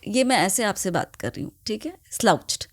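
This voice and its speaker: A woman's voice: medium pitch, expressive, a little fast, dry recording. A woman guest on a podcast, explaining her point with demonstrations and mixing Hindi and English. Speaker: guest image consultant. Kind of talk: podcast conversation.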